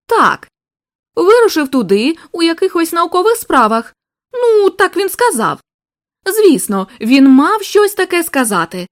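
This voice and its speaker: A woman's voice: very high voice, very animated, unhurried, dry recording, clean studio sound, pitched above the performer's own voice, full character voice. A woman reading the lines of a blunt, breezy male police inspector in an audiobook, in an offhand, worldly way.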